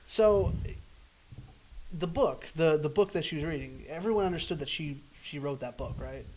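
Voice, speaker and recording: A man's voice: a little high, normal speed, a little mellow, a little hiss or hum, rough recording. A man co-hosting a podcast, explaining a horror film at length in casual chat with many restarts. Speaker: podcast co-host. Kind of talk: casual movie discussion.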